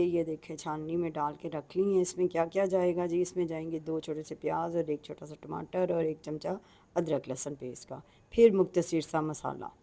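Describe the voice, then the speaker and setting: Chatty Punjabi-accented woman, warm voice. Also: fairly low pitch. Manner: chatty, folksy, addresses viewers politely. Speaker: home cook. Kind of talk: casual cooking vlog.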